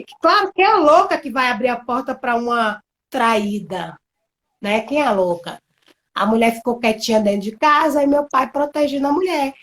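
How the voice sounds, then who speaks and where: High-pitched lady on a live video call, telling a wild family story all dramatic and animated. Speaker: co-host of a couples live stream. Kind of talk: casual storytelling.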